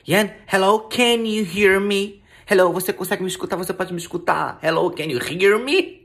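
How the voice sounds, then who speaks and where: A man's voice: high voice, normal speed, fairly bright tone, faint music behind. A man with a Brazilian accent giving a casual, playful English lesson, repeating phrases and switching between Portuguese and English. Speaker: English teacher.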